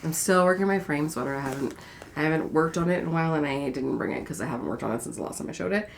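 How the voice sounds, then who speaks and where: A woman's voice: low-pitched, rapid-fire, gravelly. A woman in her forties co-hosting a podcast, chatting casually and playfully with frequent giggles. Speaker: podcast co-host. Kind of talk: casual chat.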